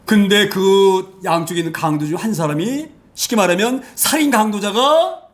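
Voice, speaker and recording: Emphatic male pastor, high-pitched voice, sermon delivery with rhetorical questions and dramatic swings in volume. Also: moderate pace. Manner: emphatic, rhetorical questions, frequent hallelujahs, wide swings in loudness.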